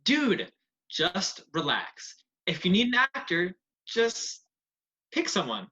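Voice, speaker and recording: A man plays a relaxed, scheming casting assistant with a bright voice and an offhand, chatty manner. His voice comes over a dull, lo-fi video call in an amateur comedy sketch. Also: sits high, slow pace, slightly rough, exaggerated voice. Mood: breezy. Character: laid-back, scheming male casting assistant.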